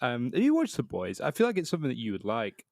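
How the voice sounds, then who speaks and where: British lad on a podcast, chatty n sweary, average pitch, no room echo. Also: male voice, wildly swooping pitch, quick pace, gravelly, a little mellow, studio quality. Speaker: podcast co-host. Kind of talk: casual podcast chat.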